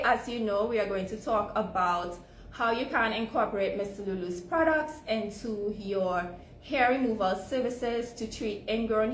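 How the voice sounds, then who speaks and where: A woman from Trinidad and Tobago with a Trinidadian accent, teaching a live online session on skincare for hair removal in a conversational way, often ending points with "right?". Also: medium pitch. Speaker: sugaring educator. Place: home at evening, live stream. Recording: roomy echo, faint background noise.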